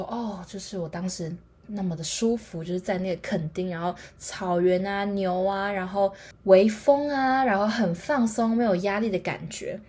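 A woman's voice: mid-range voice, a little mellow, breathy edge. A nineteen-year-old woman with a Taiwanese Mandarin accent hosts a solo podcast, telling a chatty story full of fillers and acting out other people's lines. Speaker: podcast host.

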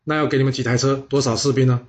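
A man voicing a hearty, commanding ancient lord with a booming delivery. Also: fairly even intonation, very fast, a little mellow, lightly acted. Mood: jovial.

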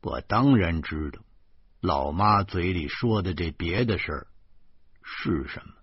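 A deep male voice narrates an audiobook in the first person at an unhurried pace. His delivery is lively and rises and falls a lot. The sound is husky, dry and a little dull. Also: no echo. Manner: lively storytelling with dialogue.

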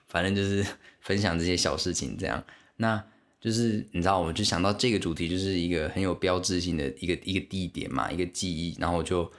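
A young man speaking Mandarin with a Taiwanese accent, his voice sitting very low. He tells stories in a loose, rambling way, restarting sentences and turning to the listener with asides, like a casual solo podcast host.

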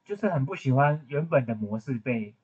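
Fast-talking raspy man, lo-fi sound. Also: mid-range voice, animated, a little mellow. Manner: teasing, quick interjections. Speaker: podcast co-host. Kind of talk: casual chat. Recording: dull lo-fi podcast audio.

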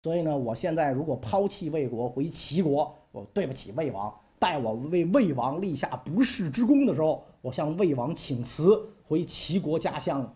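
Trusting, sentimental strategist, as a male storyteller voices him, plaintive and earnest, mellow tone with wide pitch swings. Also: animated, normal speed, hardly any pauses, close to an everyday voice.

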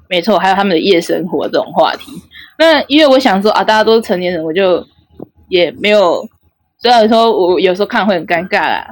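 A woman's voice: mid-range voice, dry recording. A young woman with a Taiwanese Mandarin accent telling a personal story in a chatty way, full of filler tags. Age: young adult. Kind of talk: casual personal anecdote.

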